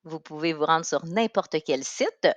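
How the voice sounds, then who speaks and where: Low-voiced Quebec woman, lively intonation. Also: unhurried, no echo, muffled recording. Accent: Quebec French. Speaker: tutorial presenter. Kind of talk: software tutorial narration, step-by-step.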